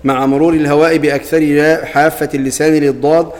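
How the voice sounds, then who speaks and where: A man's voice: fairly high pitch, little pitch movement, fast talker, darkish tone, long reverb tail. A man reading a lesson text aloud in formal Arabic, going through numbered points.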